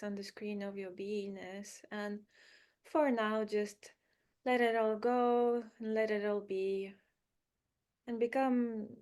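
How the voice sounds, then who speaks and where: A woman leads a spiritual guided meditation at a medium pitch, keeping her manner soothing and unhurried. Her phrases are short, broken by pauses and softly repeated.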